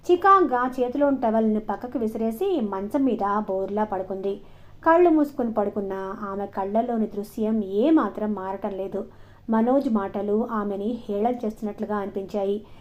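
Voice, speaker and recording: A woman storyteller reading a novel aloud in an expressive, dramatic way, in a dull lo-fi recording. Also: medium pitch. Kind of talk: audiobook narration. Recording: dull lo-fi audio.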